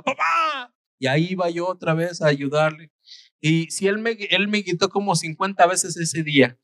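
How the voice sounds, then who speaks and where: A man's voice: on the high side, a bit bright, dry recording. A man preaching a sermon to his congregation, fervent and emphatic, rising on key phrases. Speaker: pastor.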